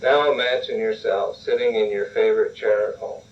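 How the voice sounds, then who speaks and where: A man with a lowish voice calmly leads a relaxation and role-play exercise at a moderate pace, repeatedly urging the listener to relax. The recording is dull and lo-fi, and the mic sounds distant.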